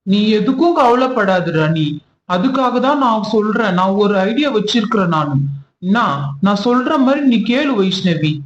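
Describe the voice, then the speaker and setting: A man's voice: high voice, sing-song, normal speed, a little hiss or hum. An affectionate, coaxing husband who dotes on his wife yet keeps pressing his point, played by a man. The recording is dull and muffled, with a hollow room echo. A homemade domestic skit. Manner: fond, coaxing, calls her pet names. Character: doting husband, affectionate, pushy about family.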